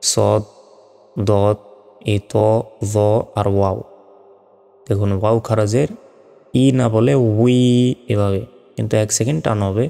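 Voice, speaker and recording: A man's voice: on the low side, fairly even intonation, a little slow, gravelly, pauses often, warm tone, in a large hall, faint music behind. A man teaching Quran reading, patiently drilling Arabic letters and their long vowels one by one. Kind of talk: slow step-by-step Arabic letter pronunciation lesson.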